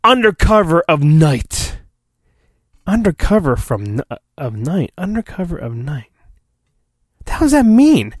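A middle-aged American podcast host with a high, slightly mellow voice reads a storybook dramatically into his phone, regularly interrupting himself with informal wisecracks. The audio has studio quality, but this homemade phone recording also carries a roomy echo and faint music.

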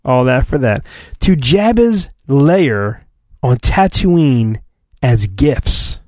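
Recorded on his phone at home, a middle-aged American man who hosts a podcast dramatizes a storybook and drops in casual, smart-aleck asides, often cutting himself off. His mid-range voice is a little mellow, with lively intonation and a very slow delivery. The audio has studio quality yet also a roomy echo and faint music.

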